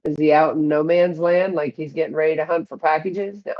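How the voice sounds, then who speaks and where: A woman's voice: deep voice, steady tone, fairly quick. A woman streaming a mobile game at home, chatting casually and giving a running commentary on her rewards. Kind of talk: casual chat while playing. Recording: muffled lo-fi.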